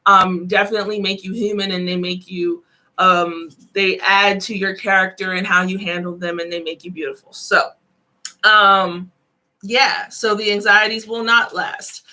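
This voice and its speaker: A woman's voice: medium pitch, fairly even intonation, normal speed, pushed and bright. A woman giving a casual live tarot reading, chatty and giggly, calling her viewers "honey loves.". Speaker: tarot reader.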